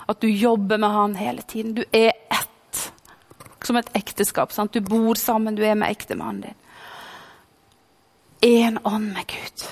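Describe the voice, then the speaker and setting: A woman's voice: mid-range voice, creaky. Fervent woman preaching in a reverberant hall. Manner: fervent, swings from loud calls to hushed whispers. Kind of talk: sermon.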